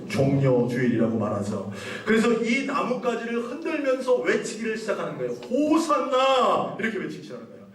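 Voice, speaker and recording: High-voiced pastor preaching in an echoey church. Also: male voice. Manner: asks the congregation questions and leads call-and-response; reads scripture slowly and emphatically. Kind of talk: sermon. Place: church sanctuary. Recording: echoey church hall, voice from a distance.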